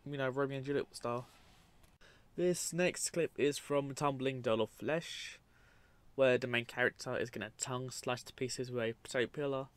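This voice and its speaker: A man's voice: mid-range voice, steady tone, moderate pace, clear, resonant tone, no room sound. A man giving casual, unscripted commentary over clips, rambling and matter-of-fact with dry asides. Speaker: narrator of a film clip compilation.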